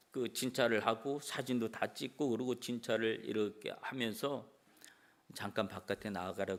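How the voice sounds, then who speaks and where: A male pastor giving a sermon in church, telling stories with emphatic, rising peaks. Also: mid-range voice.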